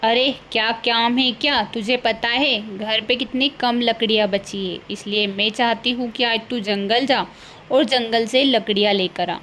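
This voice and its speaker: A woman's voice: a little high, steady tone, measured pace, fairly bright tone, a little hiss or hum. A woman voicing a scolding, greedy older village mother-in-law in a cartoon, bossy and scornful. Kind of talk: cartoon voice acting.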